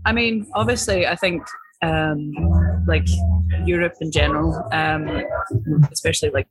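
A woman's voice: sits low, steady tone, unhurried, rough recording. Chatty woman with music behind. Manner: chatty, many fillers. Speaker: band member guest. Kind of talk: casual chat.

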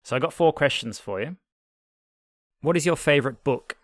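A man hosting a podcast interview, giving short reactions and asking quick-fire questions. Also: on the high side, expressive, fairly bright tone, no echo, studio quality, soft background music. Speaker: podcast host. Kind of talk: casual interview.

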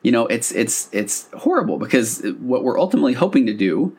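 A male podcast host talks informally and animatedly into a stand-mounted podcast microphone, explaining things the way a couples therapist might in a conversational solo explainer. His medium-pitched voice is very animated, fairly quick, a little mellow and husky.

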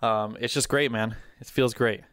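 A man's voice: medium pitch, fairly even intonation, normal speed, fairly bright tone, no room sound, studio quality. A man hosting a sports podcast in casual chat, talking with rambling fan enthusiasm. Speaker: podcast host and sports writer.

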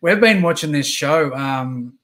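A man's voice: a little high, animated, a little slow, a bit bright. A man hosting a casual live-streamed interview chat, encouraging and full of "uh" fillers. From Australia. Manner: chatty and encouraging, frequent "uh" fillers.

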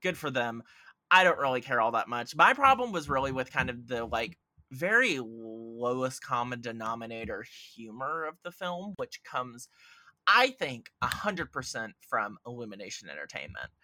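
With a sing-song, mid-range voice that's bright and forceful, a man chats about films at normal speed as a podcast guest critic. He comes across opinionated and emphatic, mixing in sarcastic jabs and some swearing; the recording has no room sound.

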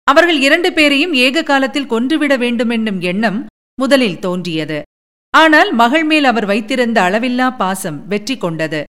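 A woman narrating a historical novel audiobook in a measured, expressive storytelling manner. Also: on the high side.

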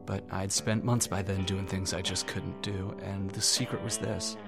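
Juno Steel, low-voiced weary detective. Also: male voice, flat delivery, moderate pace, creaky. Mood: weary, confessional. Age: 30s. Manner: wry, confessional. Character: world-weary, wry, self-doubting noir detective of 39. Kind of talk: first-person noir narration in audio drama. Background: plucked guitar music.

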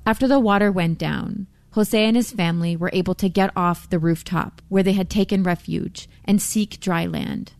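A woman reporter giving serious, steady scripted news narration. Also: fairly low pitch, normal speed, gravelly, few pauses, no room sound.

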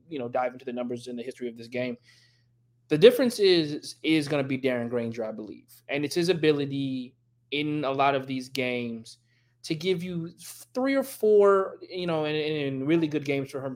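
A man co-hosting a sports podcast, giving opinionated analysis in casual chat and teasing rival fans. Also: mid-range voice. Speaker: podcast co-host.

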